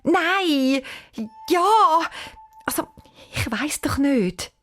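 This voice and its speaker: A woman's voice: animated, drawn-out words, heavily acted. Woman doing a frantic Swiss schoolgirl. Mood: urgent. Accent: Swiss German. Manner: breathless, high, urgent shouts. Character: excited anxious schoolgirl Cheyenne, about ten.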